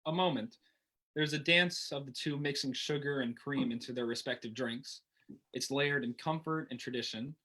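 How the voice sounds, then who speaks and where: A man reading the stage directions of a play in a plain, even manner. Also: medium pitch, moderate pace.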